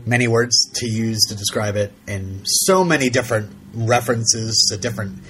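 A man's voice: lowish voice, steady tone, moderate pace, bright, forceful tone. A man co-hosting a podcast in a casual chat, rambling with many restarts and fillers. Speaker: podcast co-host.

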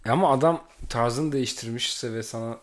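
Casual mid-pitched man co-hosting a podcast. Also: moderate pace. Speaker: podcast co-host. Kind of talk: casual chat.

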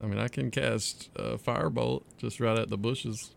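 A man's voice: medium pitch, steady tone, moderate pace, creaky, slight background noise. A man playing a tabletop role-playing game, talking casually through what his character does.

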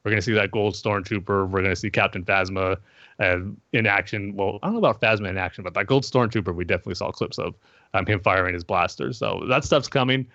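A man on a casual podcast, giving a measured review with lots of hedging and fillers. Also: lowish voice, fairly bright tone, no room sound. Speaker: podcast co-host. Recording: dull lo-fi dry sound.

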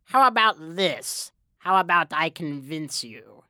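A woman voicing a thin, sly little man who talks in a slow, wheedling, persuasive way, reading a storybook. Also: sits low, expressive, sharp tone, dry recording, clean studio sound, voice pushed down, full character voice. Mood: scheming.

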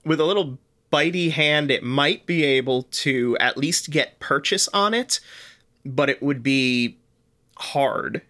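Slow, bright-voiced game master. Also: male voice, on the high side. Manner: measured, descriptive narration. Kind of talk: narrating a tabletop game.

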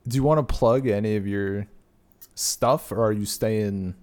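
A man's voice: fairly low pitch, measured pace, a little mellow. A man with an Upper Midwest accent hosting a casual podcast chat, rambling with lots of fillers. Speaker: podcast host.

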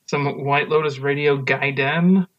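A man's voice: a little high, fairly even intonation, a little slow, fairly bright tone, lo-fi sound. A man co-hosting a casual podcast, joking dryly and chuckling often. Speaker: podcast co-host.

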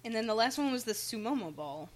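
A woman's voice: a little high, animated, fast talker, slight background noise. A young woman co-hosting a casual snack-tasting chat, making dry joking asides. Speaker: co-host reviewing snacks.

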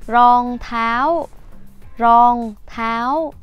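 A woman giving a casual vocabulary lesson, chatty and self-correcting, repeating each word slowly for learners. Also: on the high side, steady tone, clean tone, muffled recording, soft background music. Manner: slow repetition of words for learners. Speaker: language teacher.

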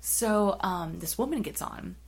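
A woman guest on a chat podcast, telling a story in an animated way with many fillers and frequent laughs. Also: mid-range voice, unhurried, vocal fry, breathy edge. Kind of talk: casual chat.

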